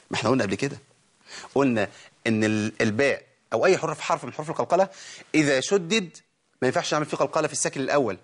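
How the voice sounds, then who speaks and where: Quick-talking Egyptian man teaching recitation. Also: mid-range voice. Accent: Egyptian Arabic. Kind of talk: spoken Tajweed lesson.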